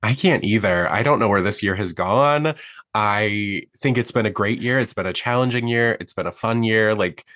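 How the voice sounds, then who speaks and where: A man's voice: on the low side, moderate pace, a bit bright, no room sound, studio quality. A man in his thirties co-hosting a podcast, chatting casually with an easygoing, joking manner. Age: 30s. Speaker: podcast co-host. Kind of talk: casual chat.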